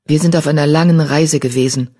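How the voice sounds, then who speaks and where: A woman voicing a steady young male warrior cat in an audiobook, speaking in a calm, unmoved way. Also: low-pitched, fairly quick, breathy edge.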